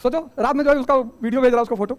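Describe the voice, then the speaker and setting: A middle-aged coach races through an animated motivational lecture to his class in a very high voice, peppering it with rhetorical questions and joking asides.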